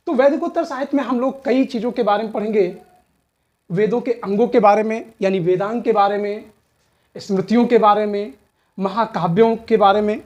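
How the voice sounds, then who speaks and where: A woman's voice: medium pitch, darkish tone. A woman teaching a history lesson for exam preparation, with a north Indian Hindi accent. She asks questions and answers them herself, repeats key terms, and often checks in with "theek hai na". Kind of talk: exam-prep lecture.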